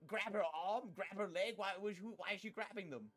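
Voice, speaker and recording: A man's voice: high voice, brisk, a bit bright, faint music behind. Rambling, joking male stream host. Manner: rambling, mock-grandiose banter. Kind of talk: casual stream chat.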